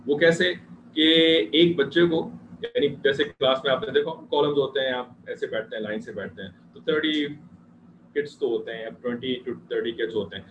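A man teaching an online religious history class, explaining step by step and checking in with his students. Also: medium pitch. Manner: conversational, repeats checks with students. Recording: echoey muffled noisy room.

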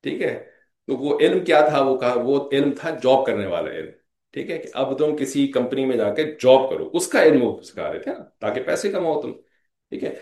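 A man's voice: medium pitch, very animated, normal speed, a little mellow, echoey room. A man giving a conversational Islamic lecture, mixing in English phrases and checking in with his listeners after nearly every point. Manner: conversational, repeats "theek hai" as a check-in; mixes English phrases into speech. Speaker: religious lecturer.

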